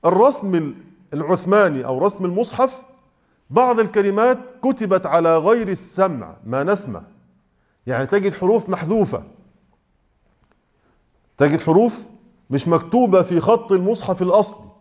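Egyptian male teacher, high voice, chatty lesson style, keeps asking if the class follows. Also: animated, normal speed, pauses often, a little mellow. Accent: Egyptian Arabic. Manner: conversational, checks understanding with rhetorical questions. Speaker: Quran recitation teacher. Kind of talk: explaining a text in class. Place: mosque.

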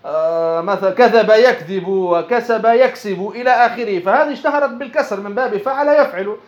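A man with a high voice teaches at a brisk clip, explaining a grammar text line by line. He poses rhetorical questions and answers them himself, repeating phrases as he goes. The recording sounds dull and lo-fi. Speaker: Islamic studies teacher.

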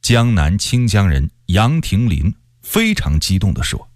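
A man narrating a historical story for radio in an expressive, unhurried way. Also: on the low side, dry recording, clean studio sound. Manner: expressive and unhurried, with wide swings of voice. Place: radio studio.

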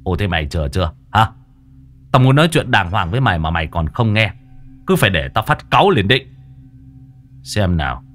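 A man's voice: low voice, sing-song, a little fast, pauses often, fairly bright tone, faint music behind. A man voicing a brash, cocky young exorcist who talks bluntly and bossily. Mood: scolding. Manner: swaggering, blunt, bossy.

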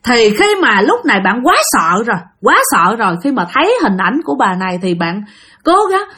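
A woman's voice: a little high, sing-song, brisk, pushed and bright. A woman narrating a ghost story dramatically, speaking straight to her listeners. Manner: dramatic, addresses listeners directly.

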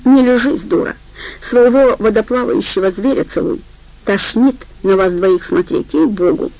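A coarse, mocking young woman who swears freely and sounds bone-tired and scornful, as a female audiobook reader puts her on. Her voice carries a gravelly, creaky edge. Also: a little high, moderate pace, dark tone, no echo, natural voice, low-quality recording. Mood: rude, mocking.

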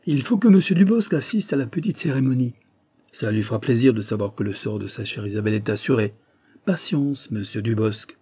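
A man's voice: mid-range voice, lively intonation, fairly quick, breathy edge. A man voicing a jeering drunken despot. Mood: gloating. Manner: jeering, gleeful menace with sudden shouts. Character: drunken cruel male despot, mocking and bloodthirsty.

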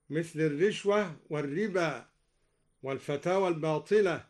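Guy with a high voice explaining recitation readings, keeps breaking into slow melodic chanting of verses. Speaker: Quran scholar presenting a recitation. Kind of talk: formal explanation of recitation variants. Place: radio studio.

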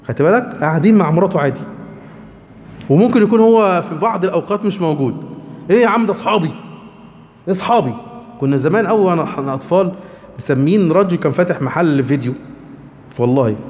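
A man's voice: a little high, a little mellow, big-room sound. A man with an Egyptian accent giving a colloquial religious lecture, emphatic and full of rhetorical questions to his listeners. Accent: Egyptian Arabic. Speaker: preacher.

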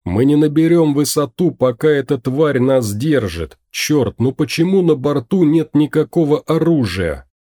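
Panicked pilot, male, curses under pressure, voiced by a man narrating, dark tone, sci-fi audiobook. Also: a little high, expressive, unhurried, few pauses, dry recording, clean studio sound. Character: anxious male starship pilot, frightened and cursing.

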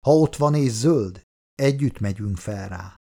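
A man reading a fragile, unstable woman in an audiobook, speaking in a hushed, low way. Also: animated, creaky. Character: fragile, unstable woman confiding secrets to her husband.

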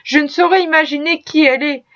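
A woman's voice: high voice, fairly even intonation, fast talker, a bit bright. A woman reading as a hesitant senator husband. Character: mild, hesitant middle-aged senator husband. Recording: muffled lo-fi recording.

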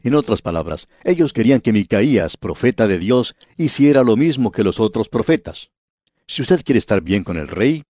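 Low-voiced male Bible radio teacher. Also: darkish tone, dry recording. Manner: addresses the listener directly, reads scripture then explains.

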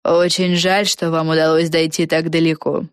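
A woman reading an audiobook, voicing a spiteful young witch girl who threatens slowly and mockingly. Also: deep voice, little pitch movement, smooth, dry recording, studio quality, lightly acted. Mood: sneering. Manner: cold, mocking, slow threats.

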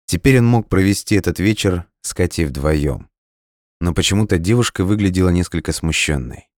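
A man narrating an audiobook in measured, even storytelling. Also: deep voice, dry recording, studio quality.

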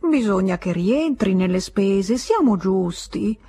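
A woman reading an audiobook voices a scheming male merchant-moneylender, sly and cold, with a drawn-out, falsely polite, mocking manner. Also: mid-range voice, animated, mellow, breathy edge.

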